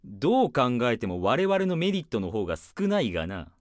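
A woman playing a pompous, gruff, quick-tempered male mouse police inspector in an audio drama, imperious and blustering. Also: extremely low pitch, very animated, no room sound, studio quality. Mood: grave, gruff.

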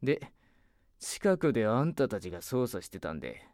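A man's voice: fairly low pitch, sing-song, moderate pace, darkish tone, dry recording, studio quality. A man playing a laid-back, wry private detective in an audio drama, talking in a cool, casual noir manner. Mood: cool, bargaining.

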